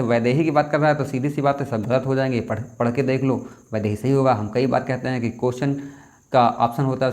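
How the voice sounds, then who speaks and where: A young man leads a casual exam-prep lesson in Hindi spelling, speaking with an average pitch. He talks conversationally, repeating each key word and reminding the listener to keep it in mind. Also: a little mellow.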